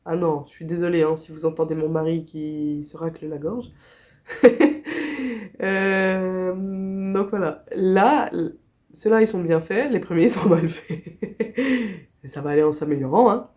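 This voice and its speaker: A Swiss woman with a Swiss French accent talks through her crochet project in relaxed chat, with frequent fillers and small laughs. Her cold leaves her nasal and stuffy. Her voice sits low and warm, with a soft, dark tone. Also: unhurried. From Switzerland. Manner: chatty, laughs often, many fillers. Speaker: crochet vlogger. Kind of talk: casual chat.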